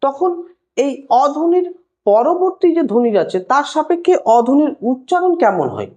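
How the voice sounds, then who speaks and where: Lively high-voiced woman teacher. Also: dull audio. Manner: patient, repeats key terms slowly. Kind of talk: explaining a Bengali language lesson.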